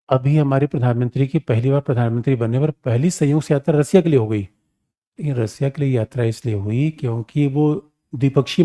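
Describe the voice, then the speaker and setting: A man with a medium-pitched, mellow voice gives an international relations exam-prep lecture. He keeps it casual and animated, addressing the class as "my children" and asking rhetorical questions.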